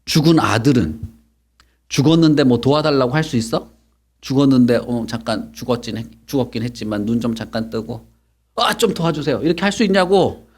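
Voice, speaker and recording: A middle-aged man preaching to children at Sunday school, telling the story with lively questions and acted-out lines. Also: mid-range voice, brisk. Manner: animated, acts out quotes, asks children questions. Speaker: pastor teaching Sunday school.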